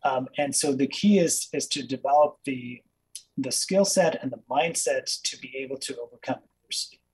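A man who grew up in Kenya talks as a guest over a video call, earnest and reflective, pausing often on fillers. His voice is husky at a middle pitch. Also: darkish tone, rough recording. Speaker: dentist, interview guest. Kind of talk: casual interview.

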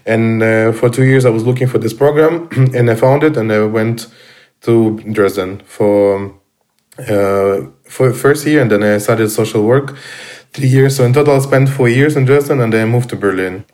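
A man, a guest speaking casually in English, pausing often with fillers and restarts. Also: medium pitch, darkish tone. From Armenian, raised in Russia. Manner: halting, many fillers and restarts. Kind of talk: casual conversation.

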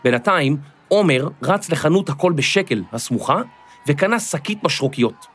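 A man narrating a children's story in a lively, expressive scripted reading. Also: a little high, slightly rough.

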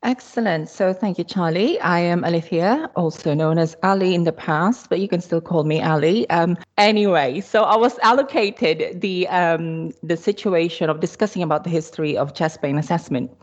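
A woman with a Filipino accent, a cardiology nurse presenting in a podcast discussion, explaining with frequent ums and pauses. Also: on the low side. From Philippines. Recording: dull lo-fi audio.

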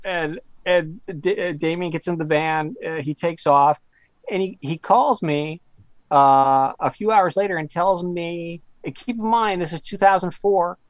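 A man's voice: a little high, unhurried, no echo. A man, a professor and guest author, casually telling a story in an interview, rambling with many fillers and stammered restarts. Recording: slightly dull lo-fi audio.

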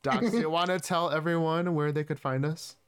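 A man's voice: on the high side, normal speed, smooth. A man hosting a casual podcast chat, laid-back and laughing often. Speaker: podcast host.

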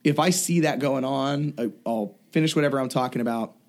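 A man's voice: medium pitch, fairly quick, vocal fry. Blunt, profane man talking shop. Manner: blunt and profane, emphatic, thinks aloud with restarts. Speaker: self-defense and fitness coach, gym owner. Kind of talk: casual interview conversation.

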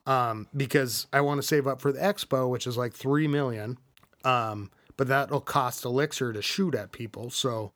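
A man's voice: medium pitch, fairly even intonation, moderate pace, a bit bright, no room sound. A man hosting a casual podcast, rambling with lots of fillers and restarts. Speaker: podcast host.

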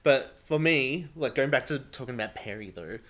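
A man's voice: mid-range voice, expressive, moderate pace, a bit bright. Rambling Australian man, podcast host. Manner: rambling, heavy use of "like". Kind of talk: casual chat.

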